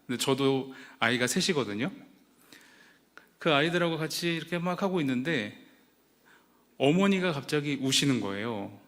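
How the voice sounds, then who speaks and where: A man's voice: mid-range voice, animated, normal speed, pauses often, a bit bright. A man in his forties, a pastor, telling a personal family story in an earnest, storytelling way. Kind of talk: prayer then personal testimony talk.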